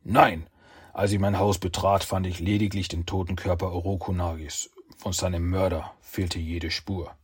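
A man's voice: low-pitched, level tone, moderate pace, slightly rough, dry recording, clean studio sound. A man voicing a nervous, submissive old martial arts master in a dramatic audiobook. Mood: subdued, nervous.

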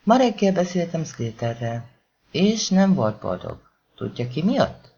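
A man voicing a menacing male gangster who talks quietly but commandingly, calm and furious at once, with swearing and threats. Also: fairly high pitch, vocal fry, slight background noise. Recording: dull lo-fi audiobook recording.

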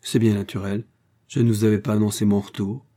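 A man's voice: lowish voice, little pitch movement, brisk, mellow, lightly acted. A man reading aloud, voicing an earnest young male inventor who speaks with heartfelt emotion. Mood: overjoyed.

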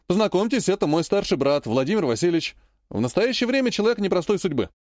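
A man's voice: high voice, sing-song, quick pace, a little mellow, dry recording, studio quality, voice pushed up. A man reading a pushy, slightly drunk scheming man in an audiobook, insistent and mock-innocent. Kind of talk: audiobook character voice.

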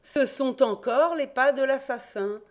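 A woman reading an audiobook, voicing an eager, confident young male reporter-detective in a raised, excited voice. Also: measured pace. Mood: triumphant. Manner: excited, emphatic, raised and higher voice.

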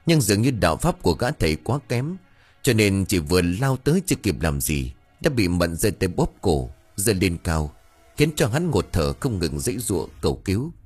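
A man's voice: low voice, sing-song, normal speed, a little mellow, husky. A man narrating a ghost story audiobook with dramatic storytelling. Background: faint music.

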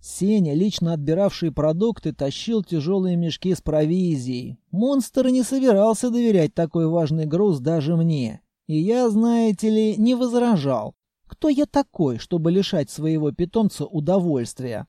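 A man reading an audiobook with an ironic, animated delivery. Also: sits high, measured pace, dry recording, studio quality. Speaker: audiobook narrator. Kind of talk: scripted narration.

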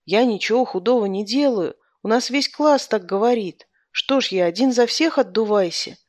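A woman's voice: a little high, moderate pace, no room sound, clean studio sound, close to an everyday voice. A woman voicing a cheeky young schoolboy who keeps asking silly punning questions. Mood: sulky. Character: cheeky boy schoolboy, pun-obsessed, sulky.

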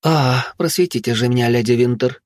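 A man's voice: mid-range voice, fairly quick, no room sound, studio quality, voice pushed up, natural voice. A man voicing a coy fox-spirit girl. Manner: coy, teasing. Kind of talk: audiobook character voice.

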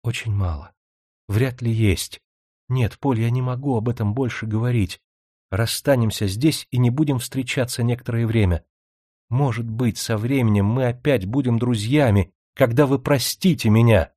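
Audiobook: male reader doing a shy, gentle young woman, quiet and hesitant, mid-pitched. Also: moderate pace, no room sound, clean studio sound, natural voice. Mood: soft. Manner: soft, hesitant, quietly earnest. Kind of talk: audiobook character reading.

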